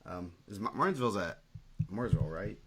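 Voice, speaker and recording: A man co-hosting a casual podcast about high school wrestling, running through results in a steady, list-like way. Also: fast talker, husky. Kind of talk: casual sports chat.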